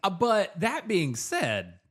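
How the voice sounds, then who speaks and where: A man chatting casually about films, animated, with his pitch swooping as he makes his points. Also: slow. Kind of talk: casual film chat.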